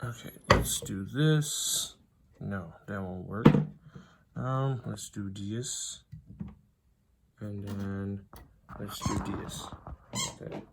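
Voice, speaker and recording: A man's voice: fairly low pitch, extremely slow, long pauses. A man talking casually and unscripted to camera, giving advice from his own experience in a rambling, conversational way. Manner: rambling, conversational, repeats "you know". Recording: clearly noisy background with clicks.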